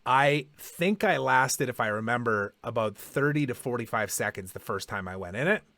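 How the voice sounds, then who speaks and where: A man's voice: medium pitch, animated, moderate pace, creaky, bright, forceful tone, dry recording. A man hosting a podcast, telling personal stories in a casual, conversational way and acting out quoted dialogue. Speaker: podcast host.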